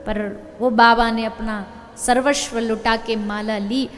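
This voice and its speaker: A woman telling a devotional story as a sermon, acting out the characters' lines with lively expression. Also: on the high side, slow, long reverb tail, soft background music. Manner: lively, acts out dialogue in the story. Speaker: spiritual storyteller.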